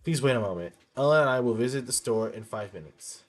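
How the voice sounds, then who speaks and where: With faint music in the background, a man with a medium-pitched, animated voice reads a video game's story dialogue aloud and reacts to it. His reading is halting; he stumbles now and then and corrects his misreadings.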